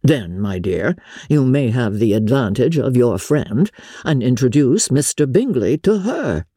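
A woman voicing a dry, unruffled middle-aged gentleman father in a classic novel audiobook, measured, deadpan and mock-solemn. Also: a bass voice, husky, dry recording, heavily acted. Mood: dry, teasing.

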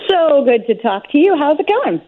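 A woman's voice: high-pitched, very animated, moderate pace. A woman guest performer chatting in an interview over the phone, enthusiastic and friendly, laughing easily. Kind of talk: casual interview chat. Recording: tinny phone line.

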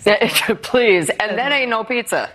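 A woman's voice: on the high side, expressive, unhurried, a bit bright. A woman co-hosting a talk show, joking around in sassy banter. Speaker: co-host. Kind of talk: casual chat.

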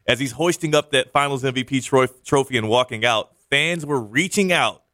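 A man co-hosting a sports talk show in a studio, emphatic and fond of playful trash talk. His voice sits at an ordinary middle pitch. The sound is close and dry. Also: moderate pace, bright, forceful tone, no echo. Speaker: sports radio co-host.

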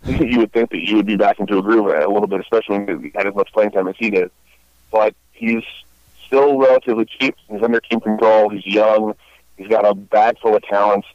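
Low voiced guy hosting a baseball pod, rambly with fillers, kinda muffled lo-fi. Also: no room sound. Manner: rambling, many fillers and restarts. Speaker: podcast host. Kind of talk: casual baseball talk.

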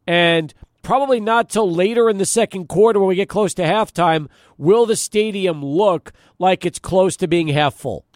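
A middle-aged man hosts a sports talk radio show from a radio studio, chatting and prompting callers in a conversational, emphatic way that punctuates his points. His voice is high-pitched, at normal speed with few pauses, and the studio sound is clean with no room echo.

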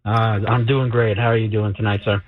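Male caller on speakerphone; thin, phone-like audio, fairly low voice, halting delivery. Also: little pitch movement, slight background noise. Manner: halting, with many fillers. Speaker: political candidate calling in. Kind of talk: radio call-in interview. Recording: tinny speakerphone line.

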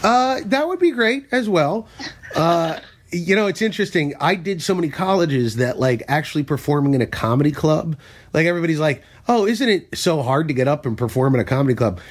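In relaxed podcast conversation, this male stand-up comic spins self-deprecating stories, growing animated during his bits. He talks briskly, and his voice is a little high.

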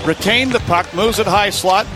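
Male hockey announcer. Rapid play-by-play, very high voice, big shouted drawn-out calls, over loud music. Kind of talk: live sports commentary. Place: sports broadcast booth at an arena.

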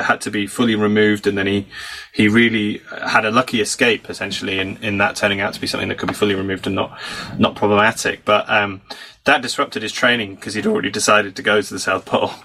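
A British psychology professor and author, his voice fairly low and sharp, tells stories fluently and explains things as a guest on a conversational podcast. A cold has him slightly losing his voice.

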